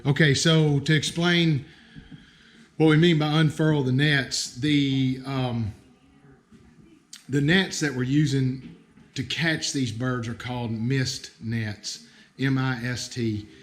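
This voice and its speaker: Folksy appalachian guy hosting a live stream, medium pitch, chatty n kinda hesitant. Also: steady tone, slow. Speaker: livestream host. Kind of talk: casual live explanation to viewers.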